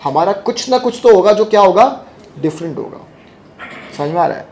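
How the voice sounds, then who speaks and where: Expressive and high-pitched, with a creaky, darkish tone, a man teaches physics at normal speed. He keeps questioning students, parroting their replies, and joking with them as he lectures, over slight background noise.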